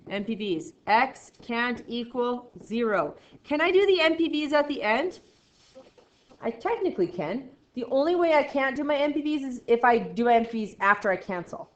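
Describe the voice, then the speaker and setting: A woman in her forties teaching a math lesson to a class, lively and playful, teasing her students. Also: a little high. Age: 40s. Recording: echoey room, dull lo-fi sound, faint noise.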